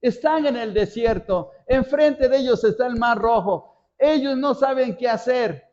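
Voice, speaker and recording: A man's voice: very high voice, measured pace, a little mellow, lo-fi sound. A man preaching a sermon as pastor, telling stories with big dramatic rises and drops in his voice. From Mexico.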